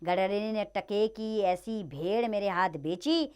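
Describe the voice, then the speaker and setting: A woman voicing a nervous male butcher who slowly makes excuses in a children's play reading. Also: mid-range voice, darkish tone, clean tone, close to an everyday voice. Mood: excusing.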